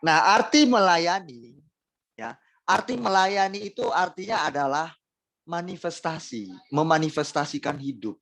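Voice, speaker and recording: A man's voice: fairly high pitch, lively intonation, measured pace, fairly bright tone, no echo, poor audio. A man preaching a sermon in an Indonesian accent, speaking straight to the congregation with rhetorical questions and emphatic repetition. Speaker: pastor.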